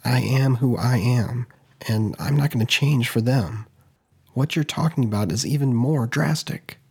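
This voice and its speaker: A man voicing a calm, caring friend. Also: medium pitch, unhurried, gravelly, slightly rough, pitched above the performer's own voice, full character voice. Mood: earnest. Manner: gentle, reasoning.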